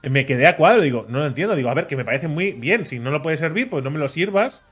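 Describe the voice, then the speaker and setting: Speaking at a quick clip, a Catalan man from Spain with a husky, fairly high voice recounts a tale over faint background music. His delivery is animated: he acts out the exchanges, adds plenty of side comments, laughs often and leans heavily on the filler "¿vale?".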